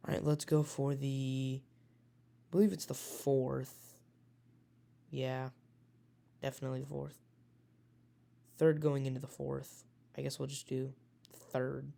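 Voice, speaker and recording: Speaking slowly with long pauses, a weather buff with a raspy voice casually works through a forecast, full of hesitations and self-corrections. His mid-range voice is mellow and stays level.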